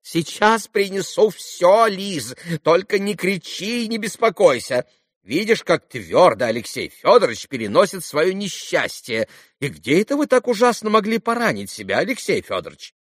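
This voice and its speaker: A man's voice: sits high, sing-song, moderate pace, no echo, clean studio sound, voice pushed up. A man doing a fretful, gushing mother. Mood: soothing. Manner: breathless, fretful and theatrical. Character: fussy, nervous middle-aged mother, gushing. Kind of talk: audiobook character reading.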